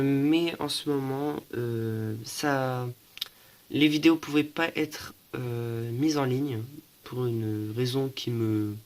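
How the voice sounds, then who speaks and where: A man's voice: mid-range voice, fairly bright tone. A young man from France showing his collection in a casual show-and-tell, hesitant, with many fillers and self-corrections, and stuffy from allergies. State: stuffy, coughing.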